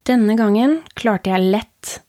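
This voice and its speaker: A woman hosting a horror podcast, reading short scary stories aloud in a slow, hushed storytelling manner. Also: mid-range voice, no room sound, studio quality.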